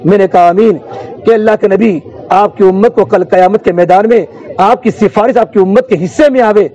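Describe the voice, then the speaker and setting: A man's voice: high voice, warm tone, muffled recording. A man preaching a sermon in an emotive, rhythmic oratorical style, with repeated refrains and recited verse.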